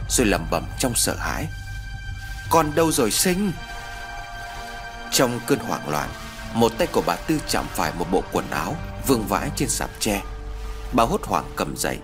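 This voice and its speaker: A man narrating a dramatic story in a suspenseful, expressive way. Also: fairly low pitch.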